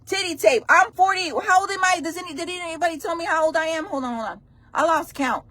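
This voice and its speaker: A woman's voice: extremely high pitch, quick pace, pushed and bright. A woman in her forties hosting a casual livestream chat, talking bluntly and playfully while she reacts to her chat. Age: 40s. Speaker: livestream host.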